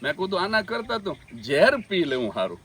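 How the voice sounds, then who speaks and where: High-voiced man telling stage jokes. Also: very animated, brisk, a bit bright, a little hiss or hum. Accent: Gujarati. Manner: chatty joke-telling, addressing the audience as friends. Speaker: stand-up comedian. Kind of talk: Gujarati folk stand-up storytelling.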